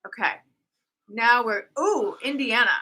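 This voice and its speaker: A woman's voice: a little high, expressive, a little slow, bright, forceful tone, slightly rough, low-quality recording. A woman hosting a casual chat, playfully reading out trivia and fighting a cough. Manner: playful, reads trivia aloud. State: coughing, a bit under the weather. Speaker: podcast host.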